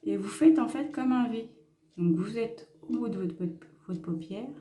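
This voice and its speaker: A woman's voice: a little high, mellow, echoey room. A woman talking through a makeup tutorial in a casual, hesitant way with many fillers. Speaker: makeup vlogger.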